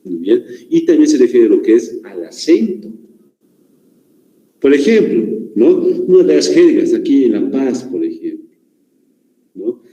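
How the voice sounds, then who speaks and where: A man's voice: medium pitch, big pitch swings, unhurried, pauses often, dark tone. A man lecturing a class as a teacher, constantly asking questions and checking in with his students. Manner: questioning, checks in with listeners often. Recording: echoey room.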